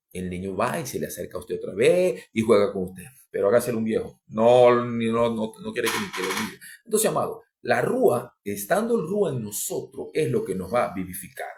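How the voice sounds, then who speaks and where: A middle-aged man preaching a sermon, impassioned and climbing sharply in pitch for emphasis. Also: darkish tone.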